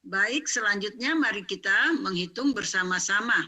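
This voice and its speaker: A woman teaching young children, speaking slowly and drawing out words so they can repeat them. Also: medium pitch, lively intonation, bright, forceful tone, recorded from a distance. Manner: slow, drawn-out, clear enunciation for pupils to repeat. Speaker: Arabic teacher.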